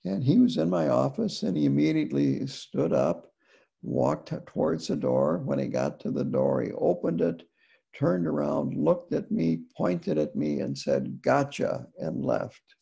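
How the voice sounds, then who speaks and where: Buddhist teacher guy giving a dharma talk, raspy gravelly voice, takes his time, lots of pauses. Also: fairly high pitch, big pitch swings, warm tone, lo-fi sound. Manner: unhurried, deliberate, with frequent pauses.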